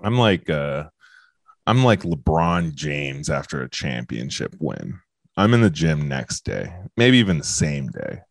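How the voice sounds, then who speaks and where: A young man trading deadpan, sarcastic quips in casual banter. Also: rumbling low, unhurried, creaky, no echo, studio quality.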